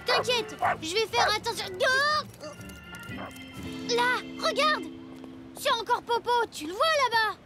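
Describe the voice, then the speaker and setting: A woman voicing a carefree, excitable young boy in an animated series, breezy and exclamatory, quick to tease or get exasperated. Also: very high voice, over loud music. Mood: excited, urgent. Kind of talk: animated children's series dialogue.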